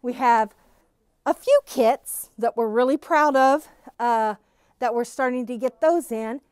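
A middle-aged woman wearing a face mask gives a casual, bubbly, gushing tour of new stock at a quilt shop as a phone camera follows her. Her fairly high voice is a little slow, darkish, clear and resonant, on a dry, studio-quality recording.

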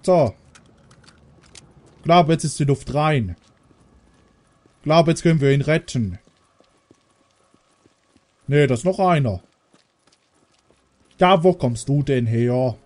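A man's voice: a little high, lively intonation, takes it slowly, pauses often, darkish tone. A man from Germany giving casual commentary while playing a video game, chatting to the characters and swearing when startled. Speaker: let's player.

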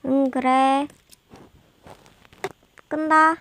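A woman's voice: high voice, little pitch movement, very slow, a bit bright. A young female host chatting casually and teasingly to viewers.

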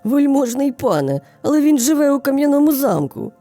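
Woman doing a sneaky little hare, super polite and flattering, lively mellow voice, soft music. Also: high voice, a little fast, dry recording. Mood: sly. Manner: bowing, flattering, sing-song storytelling. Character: small clever male hare, polite and cunning. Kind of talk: storybook character voice.

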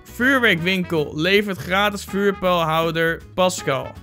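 Bright, high-voiced joking Dutch YouTuber man. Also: takes it slowly, faint music behind. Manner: playful, self-mocking, swears, slips into English phrases; bursts into loud shouts. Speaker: YouTuber reacting to fan posts. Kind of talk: casual joking commentary.

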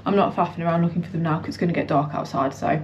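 Rapid-fire and colloquial, a young British running vlogger chats self-deprecatingly to her camera, which is held at arm's length or propped nearby in a house hallway. Her voice sits low with fairly even intonation. The recording is muffled with slight background noise.

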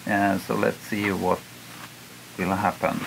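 Very low gravelly Swedish man, hesitant. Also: little pitch movement, takes it slowly, background noise. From Sweden. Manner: hesitant, many fillers. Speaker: sailing vlogger. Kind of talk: casual chat over dinner. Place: small boat cabin, indoors.

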